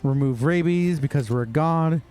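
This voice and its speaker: A man's voice: a little high, normal speed, dark tone, faint music behind. A young man giving casual, sarcastic commentary while playing a game. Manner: sarcastic, mocking, talks to himself. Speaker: streamer.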